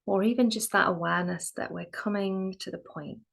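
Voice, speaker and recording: A woman leads a yoga nidra relaxation meditation, her voice gentle, soft and soothing, sometimes breathy, with long pauses between phrases. Her pitch sits in the mid range and her tone stays steady.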